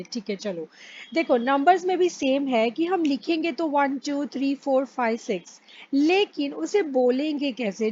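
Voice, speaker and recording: A woman's voice: high voice, darkish tone, muffled recording. A woman teaching French pronunciation in a casual lesson, patient and spelling words out letter by letter.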